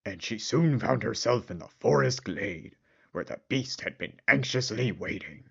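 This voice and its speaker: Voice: mid-range voice, expressive, normal speed, creaky, crowd noise. A storyteller giving a theatrical, wry comic narration of a fairy tale on a dull lo-fi recording.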